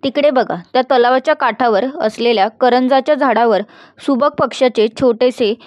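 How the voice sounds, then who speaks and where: A woman reading as a calm male forest guide. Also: on the high side, normal speed, no room sound, natural voice. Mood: informative. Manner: explaining steadily, firm.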